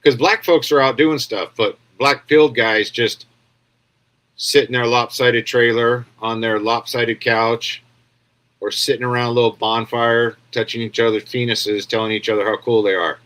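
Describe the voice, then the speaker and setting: A man's voice: mid-range voice, little pitch movement, normal speed, a bit bright. A man hosting casual commentary on video clips, talking in a crude, rambling, sarcastic way with frequent "yeah?" tags. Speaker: commentary host.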